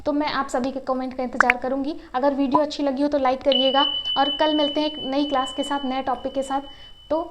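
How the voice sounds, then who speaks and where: A woman teaching an English grammar lesson in a classroom style. She asks questions and answers them herself, and she spells words out slowly, syllable by syllable. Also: high voice, level tone, background noise. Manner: slow, syllable-by-syllable word spelling.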